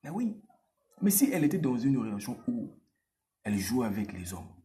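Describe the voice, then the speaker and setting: A man's voice: medium pitch, normal speed. A man giving casual dating advice straight to the viewer, repeating himself and using street slang. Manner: animated, repetitive, street slang, addresses viewer directly.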